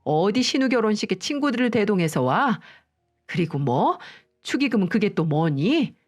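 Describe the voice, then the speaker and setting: A woman's voice: medium pitch, very animated, normal speed. A woman voicing an angry middle-aged mother-in-law who scolds sharply, in a storytelling audio drama. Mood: scolding.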